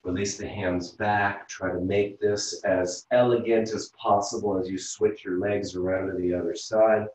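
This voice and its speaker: A man leading a yoga class as instructor, calmly talking students step by step through breaths and stretches over a video call. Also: fairly low pitch. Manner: slow, calm step-by-step cueing of breath and movement. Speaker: yoga instructor and physical therapist. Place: room at home, teaching over video call. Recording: very echoey room, voice from far off the mic.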